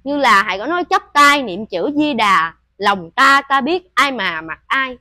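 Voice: mid-range voice, lively intonation, a little slow, sharp tone, no room sound. A preacher with a Southern Vietnamese accent giving an informal sermon, telling stories to the listeners and chanting lines of religious verse.

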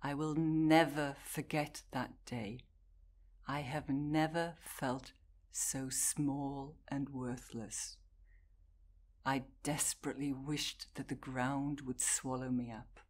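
A woman giving a prepared personal talk, telling her story in measured, deliberate short phrases. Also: extremely low pitch, fairly even intonation.

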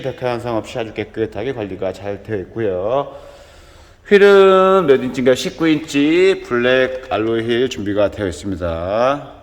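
A man presenting a used car as a dealer in a walkaround sales pitch, with smooth salesman patter, going item by item. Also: a little mellow. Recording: long reverberant echo.

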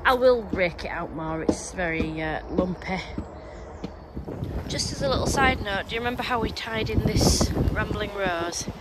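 This gardening vlogger speaks at medium pitch and normal speed, chatting casually as she walks through her allotment and explains her work. Her outdoor recording is noisy, with wind and a strimmer in the background.

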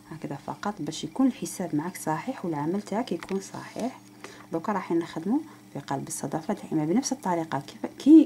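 A quick-talking woman with an Algerian Arabic accent walks the viewer through crochet stitches, counting each one aloud. Her voice is low, dark and gravelly. A faint hum sits behind her. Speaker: crochet teacher. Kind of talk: step-by-step craft tutorial.

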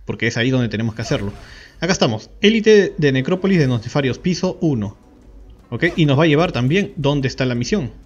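Man, game tutorial commentary, slightly high voice, keeps asking ok, faint music behind. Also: husky. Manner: explanatory, repeatedly checks in with "¿ok?". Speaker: gaming YouTuber.

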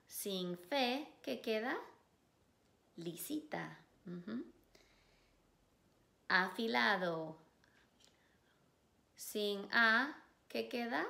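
A woman teacher leading a syllable drill for children, saying single words slowly and clearly for the class to repeat. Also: medium pitch, animated, pushed and bright. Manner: slow, clearly enunciated word-by-word drilling. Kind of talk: phonemic awareness drill for children.

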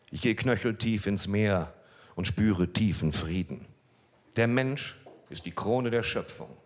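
A middle-aged man doing deadpan stand-up, telling a story read from a page into a handheld mic on a small club stage, breaking off now and then to talk to the audience. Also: on the low side. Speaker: comedian.

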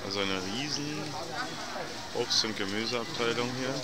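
A German vlogger with a mid-range voice gives a handheld tour of a large indoor supermarket, recorded on the camera mic. He walks and comments in a relaxed, unhurried way. Loud store noise and the bustle of shoppers fill the background.

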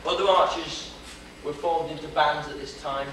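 A young man's Welsh-accented voice, fairly high and a bit bright, moves at a moderate pace with fairly even intonation. He's from Wales and is giving a theatrical, joking history lecture to an audience in a lecture hall with a projection screen, captured by a far camera in noisy, echoey old video.

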